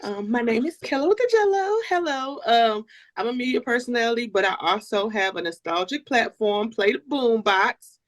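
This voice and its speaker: A woman's voice: a little high, animated, brisk. An American woman chatting casually as a talk show guest, informal and slangy with repeated tag phrases. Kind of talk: casual chat.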